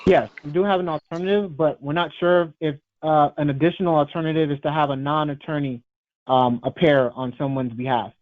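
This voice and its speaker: A slightly high-voiced man fields questions in an online board meeting, filling his answers with hesitant ums. The call audio is muffled and dull. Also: fairly even intonation, fairly quick. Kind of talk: virtual board meeting discussion.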